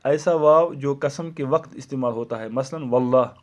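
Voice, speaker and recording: Slow, deliberate teacher, man. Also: medium pitch. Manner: slow, deliberate, repeats example words. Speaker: Urdu teacher. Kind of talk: classroom grammar lesson.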